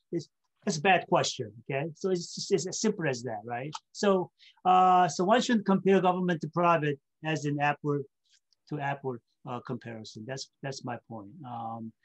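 A man from South Korea speaking English as an interview guest, ending his points with tag questions and many filler uhs. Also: on the high side. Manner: ends points with tag questions like okay and right; frequent filler uhs and repeated words. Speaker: state government official, interview guest. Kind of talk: casual interview talk.

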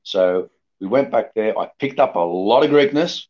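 A middle-aged man raised in Australia, talking casually as a podcast guest in a rambling, lively way with many restarts. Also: lowish voice, normal speed. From born in Greece, raised in Australia. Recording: dull lo-fi podcast audio.

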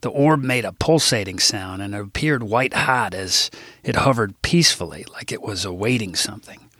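A man's voice: on the low side, moderate pace, bright, forceful tone, dry recording, studio quality. A man reading his own comic novel aloud, with wry, irreverent asides to the listener. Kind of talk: comic audiobook narration.

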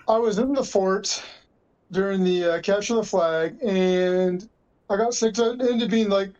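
A woman's voice: mid-range voice, unhurried, a little mellow. Woman chatting about her game day, bit self-deprecating, dull lo-fi sound. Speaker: airsoft player. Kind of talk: casual podcast chat. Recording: dull lo-fi audio.

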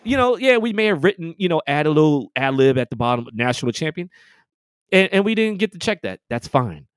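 A man's voice: a little high, sing-song, a little fast, clean tone, no room sound, studio quality. A man hosting a podcast, ranting in a casual, gloating and heated way, full of profane trash talk. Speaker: podcast host.

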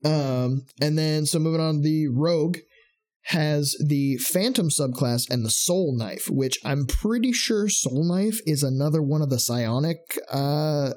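A man's voice: on the high side, animated, measured pace, darkish tone. A man co-hosting a podcast in casual chat, explaining game rules at length with many fillers. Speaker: podcast co-host.

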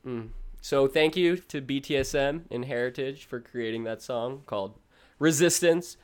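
A man's voice: mid-range voice, normal speed, clean tone. A man co-hosting a podcast in a playful, jokey casual chat. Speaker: podcast co-host.

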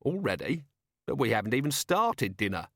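A man's voice: medium pitch, sing-song, moderate pace, fairly bright tone, no echo. A man voicing a weary, blunt male watch commander in an audiobook, dry and tired.

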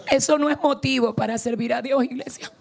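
Passionate high-voiced woman pastor preaching. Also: steady tone, brisk, gravelly, a crowd in the background. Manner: passionate, shifts between soft pleading and shouting. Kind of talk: sermon. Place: church sanctuary.

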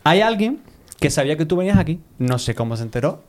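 A man's voice: on the high side, very animated, fast, darkish tone, a little hiss or hum. A man hosting a podcast interview in a playful, teasing way. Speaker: podcast host. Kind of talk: casual interview.

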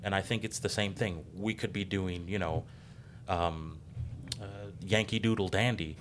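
A man's voice: deep voice, steady tone, normal speed, slight background noise. A man hosting a podcast interview, talking in long earnest stretches filled with ums. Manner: rambling, frequent ums, earnest. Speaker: podcast host.

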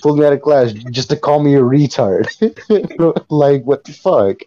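A man chatting on a podcast in a dark, mellow voice, swearing freely and breaking into laughter as he rambles through a story. The recording sounds dull and lo-fi. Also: mid-range voice, a little slow, a little hiss or hum. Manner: profane, rambling storyteller who laughs often. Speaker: podcast co-host. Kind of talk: casual chat.

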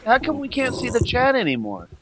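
A man in a casual chat, teasing with deadpan jokes. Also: extremely high pitch, brisk, a crowd in the background.

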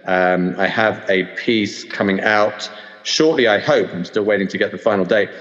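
Sounding lowish and a bit bright at a normal pace, the UK podcast host with a London English accent keeps the conversation casual while stumbling through frequent ums and uhs. His remote feed comes across as dull and roomy.

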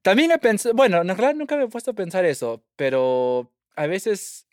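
A young man, a guest telling his story in a lively way and slipping English phrases in among fillers. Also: sits high, normal speed, clear, resonant tone, no room sound, clean studio sound. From Peru. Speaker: guest scientist. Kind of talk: casual interview storytelling.

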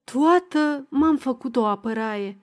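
A woman reads a bashful young village girl in a storybook, murmuring softly and a little breathlessly, flustered and coy. Her voice sits rather high and light. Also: close to an everyday voice.

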